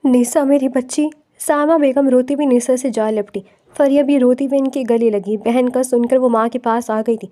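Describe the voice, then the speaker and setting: A woman narrating a romance novel with steady storytelling. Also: sits high.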